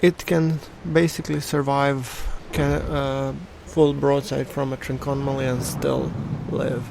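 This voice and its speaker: Man, casual game commentary, halting delivery, creaky voice, unhurried, noisy background. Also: mid-range voice, flat delivery, darkish tone. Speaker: video game commentator, channel host.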